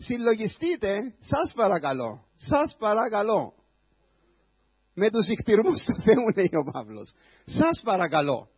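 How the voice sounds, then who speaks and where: A man pastor giving a sermon, building to loud, impassioned preaching. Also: high-pitched, huge pitch swings, breathy edge, dry recording, muffled recording. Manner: preaching with a rising voice, shouting at times.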